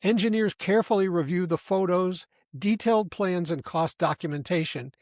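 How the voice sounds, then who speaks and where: A man hosting a podcast, giving a scripted explainer in an emphatic, deliberate way and slowing down to stress key points. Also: high-pitched, darkish tone, no echo, clean studio sound. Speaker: podcast host.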